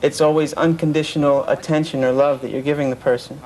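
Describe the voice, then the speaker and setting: In a rough recording, a man with a voice on the high side and a little mellow talks fast and flatly. As an interviewee, he earnestly recounts his past in a cult, often quoting what other people said.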